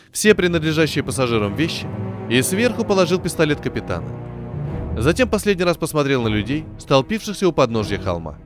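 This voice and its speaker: A man narrating an adventure novel with expressive, varied intonation. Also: medium pitch. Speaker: audiobook narrator. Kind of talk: scripted narration. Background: soft music.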